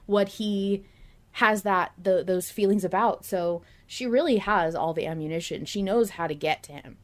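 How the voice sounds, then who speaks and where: Speaking at a moderate pace in a mid-range voice, this podcast host talks about an audio drama she's a fan of. Her casual chat is earnest and emphatic, one thought running into the next.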